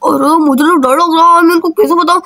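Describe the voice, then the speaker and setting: A woman's voice: very high-pitched, steady tone, brisk, sharp tone, dry recording, clean studio sound, heavily acted. A woman voicing a scared little village girl in a kids' doll-play story, insistent and childlike.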